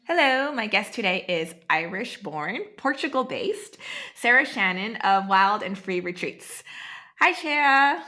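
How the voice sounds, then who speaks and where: A woman's voice: medium pitch, expressive, a little slow, pushed and bright. A woman hosting a podcast, enthusiastic and welcoming as she introduces her guest. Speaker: podcast host. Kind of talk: scripted intro then casual interview.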